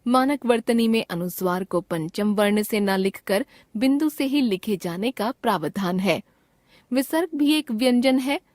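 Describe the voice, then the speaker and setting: A woman reading a Hindi grammar lesson aloud, saying each example word twice as a pronunciation drill and then reciting the rules in a steady, measured way. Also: fairly high pitch, no echo. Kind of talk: slow, careful textbook reading.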